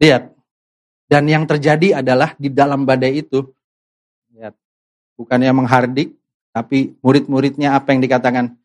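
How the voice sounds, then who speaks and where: Delivering a casual sermon, a man speaks at normal speed in a mid-range voice with little pitch movement and frequent pauses. He puts questions straight to his audience and mimics anxious believers.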